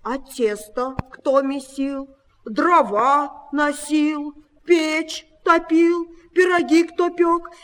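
A woman's voice: high voice, steady tone, very slow, fairly bright tone, long reverb tail, voice pushed up, heavily acted. A woman voicing a hardworking, patient male rooster in a storybook reading. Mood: questioning. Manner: calling out, patient questioning.

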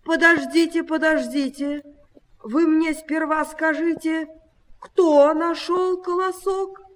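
A woman's voice: sits high, steady tone, takes it slowly, big-room sound, voice pushed up. A woman voicing a hardworking, patient male rooster in a storybook reading. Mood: questioning. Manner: calling out, patient questioning.

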